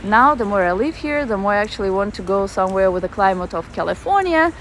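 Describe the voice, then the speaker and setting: Speaking fast and animated in a medium, slightly bright voice, a woman with a Russian accent walks outdoors in a city park and reads viewer comments from her phone livestream, chatting casually with fillers. There's a little hiss or hum on the recording.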